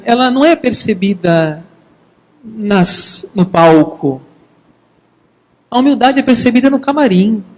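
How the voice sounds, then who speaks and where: A man preaching a sermon in a lively, conversational way, addressing the congregation as brothers. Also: high-pitched, big-room sound, rough recording. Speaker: pastor.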